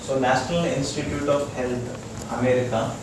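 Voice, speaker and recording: A doctor with an Indian accent, a man, talks informally to a small audience about wellness, stumbling a bit as he explains and pausing to see if people are following. The pitch is medium and the tone steady. Sound comes from a distant mic in a strongly echoing room with heavy noise.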